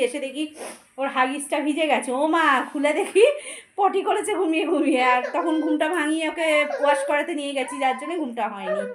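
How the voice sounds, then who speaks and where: A woman's voice: sits high, echoey room, slight background noise, poor audio. A woman chatting casually to her viewers as she walks around her home and does chores. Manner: chatty, addresses viewers as friends; talks softly at times, walking around the home. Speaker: vlogger, homemaker. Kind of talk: casual vlog chat to viewers. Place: home, indoors.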